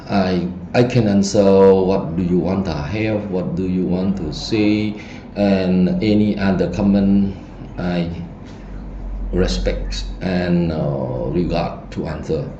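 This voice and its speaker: A Cambodian man whose first language is Khmer gives an online feng shui lesson in halting, Cambodian-accented English, full of fillers and restarts. His voice is deep and mellow, in a dull, muffled recording with roomy echo and faint noise.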